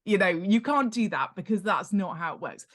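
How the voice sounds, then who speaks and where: At a moderate pace and in a mid-range voice, an author and world-building expert talks as a podcast guest in a relaxed, instructional interview. She is animated and emphatic, repeating key ideas for stress, and keeps it informal with rhetorical questions and acted-out examples.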